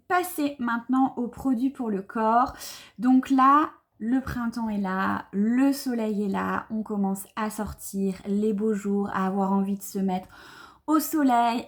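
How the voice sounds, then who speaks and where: A young woman, chatting enthusiastically to camera as she unboxes beauty products, with many fillers. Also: on the high side. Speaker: beauty vlogger. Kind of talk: casual unboxing chat to camera.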